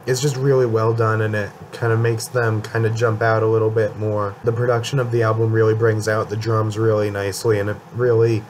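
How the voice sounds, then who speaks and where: A young man who hosts a music channel chats casually about his favorite albums, ranking them in a loose way. His lowish, slightly mellow voice sounds a bit worn from a cold, and he rambles with lots of ums and restarts. There's slight background noise.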